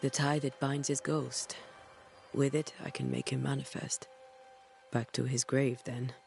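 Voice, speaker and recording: An actor in a video game playing a brooding, pensive ghost hunter, hushed and deliberate. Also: male voice, mid-range voice, level tone, creaky, faint music behind.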